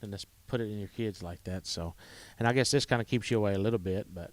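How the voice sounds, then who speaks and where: A man's voice: fairly low pitch, quick pace. A man asks questions in a casual, folksy interview chat.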